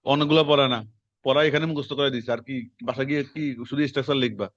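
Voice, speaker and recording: A man, teaching a class in quick, conversational lecture style and quizzing his students as he goes. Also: mid-range voice, steady tone, no room sound. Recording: dull lo-fi classroom recording.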